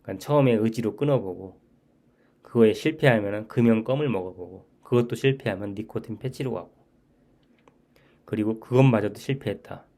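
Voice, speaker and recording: A channel host in his forties reflects on his own experience in an earnest monologue, repeating his key points and often restarting sentences. His voice is on the low side, warm, and a little fast.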